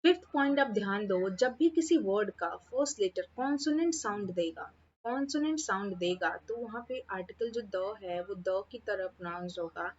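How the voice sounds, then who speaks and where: A woman with an Indian accent teaching an English grammar lesson. She says each example slowly, repeats it, and keeps checking in with her students. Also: mid-range voice, highs cut off. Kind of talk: classroom-style grammar lesson.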